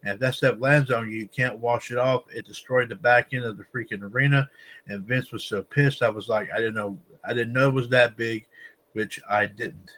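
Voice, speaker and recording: A man's voice: mid-range voice, steady tone, moderate pace, poor audio. Man reading wrestling news, stumbling often. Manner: reads with frequent stumbles and restarts; addresses listeners as ladies and gentlemen. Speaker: podcast host.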